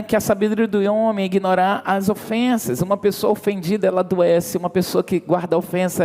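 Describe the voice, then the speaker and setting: A man's voice: high-pitched, a little mellow, in a large hall. A man preaching an emphatic sermon and calling on the congregation to respond. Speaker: pastor.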